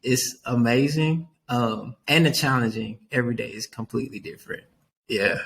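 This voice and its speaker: A man as a youth worker guest on a podcast, talking in an earnest, animated way and often dropping "man" into his sentences. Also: medium pitch, moderate pace, gravelly, slight background noise, low-quality recording. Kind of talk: casual podcast interview.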